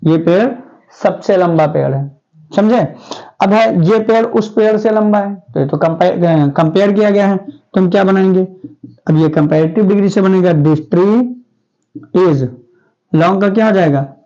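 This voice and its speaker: A man's voice: sits high, a little slow, mellow. A male teacher, explaining grammar to his class. He keeps asking questions and answering them himself. The recording is dull and lo-fi.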